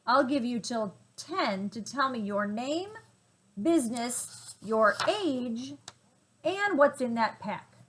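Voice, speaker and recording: A woman's voice: fairly high pitch, animated, slow, slight background noise, voice pushed up. A woman voicing a huge, fierce, impatient male gorilla who blusters and rages in a storybook reading. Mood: demanding. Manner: loud, raging, demanding.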